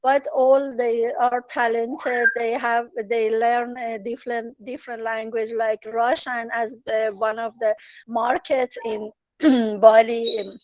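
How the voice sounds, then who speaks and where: Speaking slowly in a fairly high voice with little pitch movement, a Farsi-speaking woman from Iran, a journalist and travel writer, responds haltingly in an interview. She uses many fillers and keeps restarting her sentences. The recording is lo-fi and dry.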